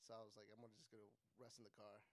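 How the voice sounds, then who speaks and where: A man's voice: on the low side, little pitch movement, rapid-fire. A man, a comedian guest, telling a casual comic story in a rambling way, full of "like" and laughing at his own lines.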